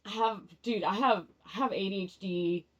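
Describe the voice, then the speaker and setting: This tarot vlogger, a young native Spanish speaker, rambles candidly through a reading, frequently starting her sentences over and laughing at herself. She talks at a normal speed with a medium-pitched voice, and the audio has a dull, lo-fi quality.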